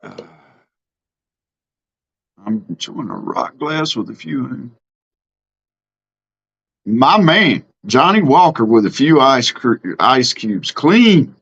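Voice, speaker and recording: This livestream host, a middle-aged man from Mississippi, drawls through viewer comments in a plainspoken, easy Southern way, stumbling into ums and false starts. His ordinary-pitched voice is gravelly and husky, a bit bright, and very animated. The audio is lo-fi and dull.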